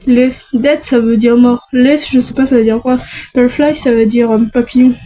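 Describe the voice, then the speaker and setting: Chatty high-voiced woman unboxing toys. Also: steady tone, normal speed, dark tone, rough recording. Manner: chatty, self-talking, frequent restarts. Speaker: unboxing vlogger. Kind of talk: casual unboxing chat.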